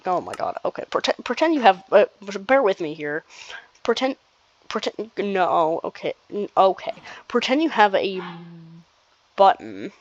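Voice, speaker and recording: Casual gameplay commentator, rambles and restarts a lot, very lively delivery, dry close lo-fi recording. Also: medium pitch, dry recording. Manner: rambling, restarts sentences, nervous laughs.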